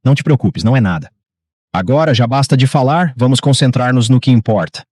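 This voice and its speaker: A man's voice: mid-range voice, fairly quick, a little mellow, husky, dry recording, close to an everyday voice. A man voicing an arrogant, mocking young man in a story recap, read in his own plain voice. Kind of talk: recap narration quoting dialogue.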